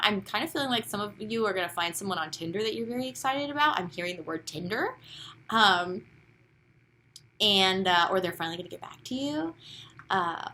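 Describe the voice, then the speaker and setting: A young woman giving a casual, chatty tarot reading, enthusiastic and sometimes dropping to soft near-whispers. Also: mid-range voice. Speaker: tarot card reader.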